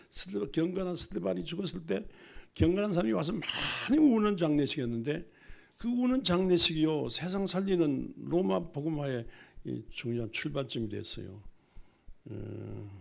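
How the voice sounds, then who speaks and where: In a church sanctuary, a middle-aged pastor preaches a folksy, emphatic sermon, occasionally imitating loud wailing cries. His gravelly, rough voice has a husky, breathy edge, sits on the high side with big pitch swings, and moves at normal speed.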